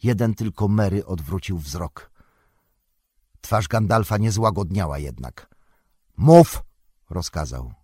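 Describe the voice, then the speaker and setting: A man narrating an audiobook in a measured, even storytelling manner. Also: sits low, breathy edge, no echo, studio quality.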